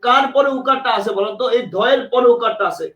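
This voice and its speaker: A man's voice: very high voice, fast talker, fairly bright tone, roomy sound. A man with a Bangladeshi Bengali accent teaching a live exam-prep lesson, repeating points and quizzing students with questions. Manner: emphatic, urges attention.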